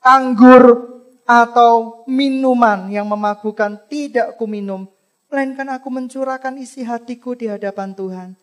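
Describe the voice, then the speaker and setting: Distressed praying biblical woman, put on by a high-voiced female preacher; loud and pleading. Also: fairly even intonation, natural voice. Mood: earnest. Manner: loud, pleading, drawn-out prayer.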